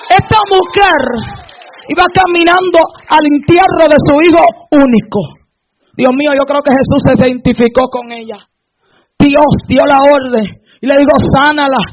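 A woman preacher delivering a fervent sermon, often breaking into shouted praise. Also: sits high, moderate pace, dull audio.

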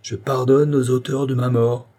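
A man reading an audiobook voices a proud, condemned king who speaks in a commanding, defiant tone and rises to shouts. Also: mid-range voice, fairly even intonation, normal speed, husky, lightly acted. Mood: solemn. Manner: masterful, defiant, rising to shouts.

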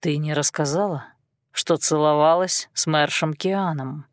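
A woman voicing a young man who speaks slowly, quietly and with soft menace. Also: flat delivery, no room sound, studio quality. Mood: quietly menacing. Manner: low, quiet, slow and menacing.

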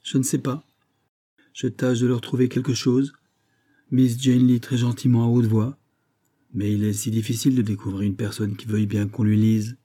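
Man doing gentle fretful young woman, kindly, gossipy, dark husky tone, storybook reading. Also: mid-range voice, flat delivery, normal speed, natural voice. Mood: tender concern.

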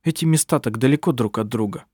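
A man's voice: mid-range voice, fast, darkish tone, husky, no echo, clean studio sound, close to an everyday voice. A man reading aloud, voicing an earnest young man who is an eager would-be sorcerer and a fond son. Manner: earnest, affectionate.

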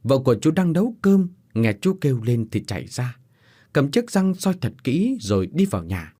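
A male storyteller narrates a village ghost story with expressive delivery. His voice is husky, and his pitch swings widely up and down. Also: moderate pace. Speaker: storyteller host.

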